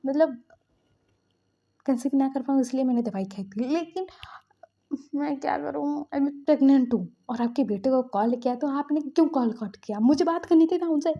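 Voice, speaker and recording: Woman doing a desperate pleading young man. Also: sits high. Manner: pleading, rushed self-defense. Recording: dull lo-fi recording.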